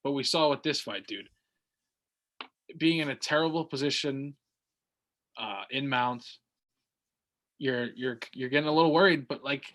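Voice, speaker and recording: In a mid-range voice with a fairly bright tone, a man co-hosting a combat sports podcast talks through fights casually. His speech meanders, with restarted sentences and gaps filled by fillers.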